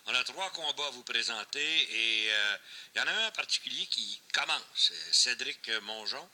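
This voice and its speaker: A man's voice: medium pitch, lively intonation, normal speed, bright, forceful tone. A man with a Quebec French accent hosting a fight broadcast with conversational sports commentary.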